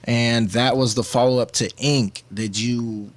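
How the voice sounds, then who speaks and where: A man's voice: mid-range voice, fairly even intonation, measured pace. A man hosting a podcast in casual chat, slangy and swearing, often tacking on "you know what I mean". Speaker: podcast host.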